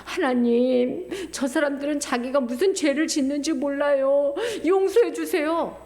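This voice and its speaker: A woman voicing a gentle adult man who prays and pleads for others, speaking slowly. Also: high-pitched. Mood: pleading. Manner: slow, pleading prayer voice.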